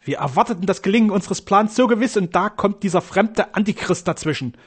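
A man doing a shrill, zealous scheming nun. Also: expressive, fairly quick, husky. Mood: fervent. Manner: raised, fervent and indignant.

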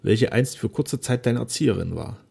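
A man's voice: mid-range voice, moderate pace, creaky, a little mellow, slightly rough, voice pushed up. A man doing a sick, remorseful old duke. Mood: solemn remorse. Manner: solemn, weary, formal speech. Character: ailing old nobleman father, remorseful and solemn.

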